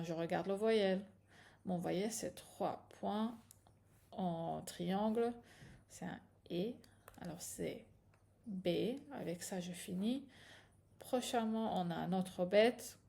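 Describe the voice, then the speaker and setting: Slow, gravelly-voiced woman teaching. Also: medium pitch, darkish tone. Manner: patient, checks in with "d'accord?" and "ok?". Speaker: Hebrew teacher. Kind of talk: step-by-step reading lesson.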